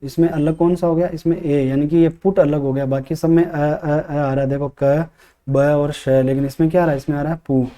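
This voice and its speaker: A man's voice: on the high side, steady tone, normal speed, warm tone. A male English teacher giving a lesson on an exam paper, explaining each answer step by step and repeating key words for emphasis.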